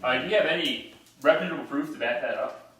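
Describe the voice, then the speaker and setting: A man's voice: mid-range voice, quick pace, a bit bright. A young man cross-examining a witness in a mock trial, hesitant and quibbling. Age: young adult. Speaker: mock trial defense lawyer. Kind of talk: improvised comedy sketch. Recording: very echoey room, distant mic.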